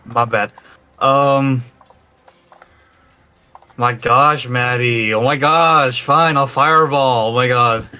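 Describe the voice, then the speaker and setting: Bright-voiced man, a flustered player. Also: medium pitch, steady tone, slow, pauses often, clear, resonant tone, faint music behind. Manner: flustered, rambling and self-correcting. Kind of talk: casual tabletop play over voice chat.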